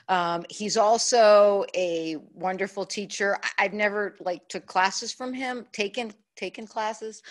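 A woman hosting a live music night, gushing and bubbly, often correcting herself mid-sentence. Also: mid-range voice. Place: community cultural center stage.

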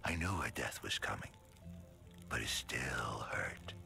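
An actor voicing a gentle, wistful old bearded man in a video game, speaking in a soft, hushed, gravelly voice. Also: very deep voice, animated, measured pace, faint music behind, full character voice. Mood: sorrowful. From Hungary.

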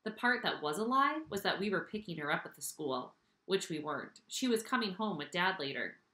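A woman reading a children's novel aloud with expressive, animated storytelling, recorded in an echoey room. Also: lowish voice, fairly quick. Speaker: audiobook reader.

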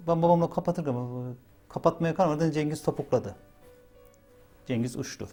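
A man's voice: fairly high pitch, brisk, warm tone, soft background music. A young man recalls events for a documentary in an emotional first-person account, often repeating small filler words as he quotes himself. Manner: retells events with many repeated "dedim" and "böyle" fillers. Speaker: witness interviewed for a documentary.

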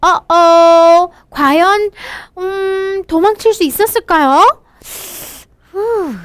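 A woman's voice: very high-pitched, very slow, fairly bright tone, slight background noise. A woman teaching children English from a storybook, reading lines aloud and then explaining them with questions she answers herself.

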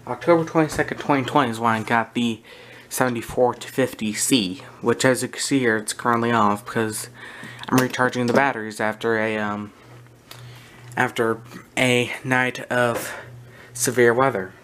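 Filming from behind a handheld camera, a hobby collector hosts an unscripted show-and-tell in a small room lined with wooden shelves. His mid-range voice is steady and fairly bright at normal speed, though he speaks hesitantly and trails off into asides. The camera's built-in mic gives noisy audio with a faint hum of the room.

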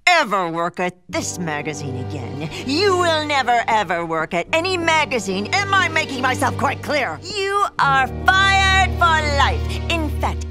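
A vain, tyrannical magazine boss from a cartoon. She is high-voiced and wildly swooping, stretching words with imperious melodrama over clearly audible music. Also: heavily acted. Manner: imperious, melodramatic, drawn-out emphasis. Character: haughty, tyrannical pink-obsessed magazine boss, vain adult woman. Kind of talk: cartoon voice acting.

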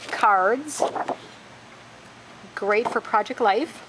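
Holding the camera herself, a woman shows products in a large wire-shelved warehouse, plainly calling out each item. Her voice is on the high side and very slow, and the background is noisy.

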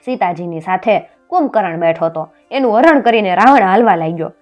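Expressive woman storyteller, mid pitch, faint music underneath. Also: a little fast. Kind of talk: folk tale narration.

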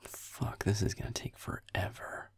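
With no room sound and a measured pace, a young man whispers as a grumpy, sardonic werewolf boyfriend in an intimate audio roleplay. He mutters deadpan in a breathy, gravelly murmur while gaming, only lightly acting the part.

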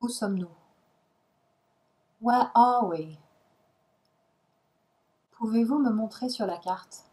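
A woman's voice: a little high, takes it slowly, pauses often, warm tone, low-quality recording. A woman reading short phrases for a language lesson, each one followed by its translation. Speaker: language teacher.

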